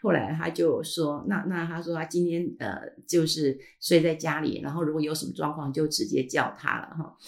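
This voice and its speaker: A middle-aged woman with a Taiwanese Mandarin accent hosts her own podcast in a slightly low, easygoing voice. She rambles warmly through a personal story, peppering it with fillers and soft "ha" tags, her throat not fully recovered. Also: brisk, few pauses. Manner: chatty, frequent filler sounds and trailing "ha" tags. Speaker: podcast host.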